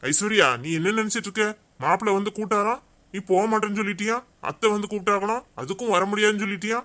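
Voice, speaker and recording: A man's voice: sits high, steady tone, rapid-fire, sharp tone. Man voicing an earnest cartoon elder brother. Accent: Tirunelveli Tamil. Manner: earnest, questioning.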